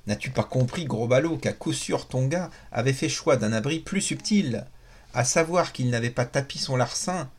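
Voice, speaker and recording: A man voicing a sharp, condescending male detective in a detective story, lecturing and scolding. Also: mid-range voice, normal speed, husky, natural voice.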